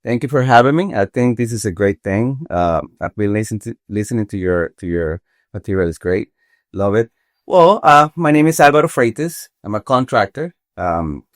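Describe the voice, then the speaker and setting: In a podcast studio, a man from Venezuela in his forties who works as a contractor talks casually as a guest, pausing thoughtfully and restarting often as he thinks aloud. His voice is on the low side, studio quality with no echo.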